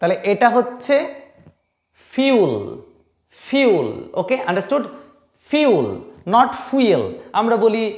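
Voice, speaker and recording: This Bengali man teaches English pronunciation in a reverberant space, his voice extremely high and swinging widely in pitch. He drills each word emphatically, repeating it slowly so learners catch it.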